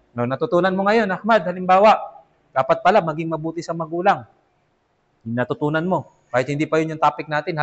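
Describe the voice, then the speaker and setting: A man teaches a weekly class in a mosque, his voice sitting high. He talks casually and keeps checking in with his listeners. The recording is dull and lo-fi. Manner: conversational, asks "di ba?" often, acts out children's replies. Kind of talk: casual Islamic lesson.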